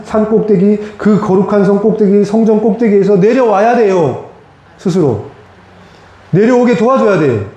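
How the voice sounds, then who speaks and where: A man's voice: sits high, warm tone. A man preaching a sermon as pastor, earnest and direct, speaking plainly to his congregation. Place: church sanctuary. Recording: very echoey church hall.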